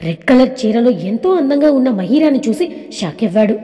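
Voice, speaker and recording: Woman reading a story out, steady, highish mellow voice, lots of reverb. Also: brisk. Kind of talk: scripted narration. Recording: long reverb.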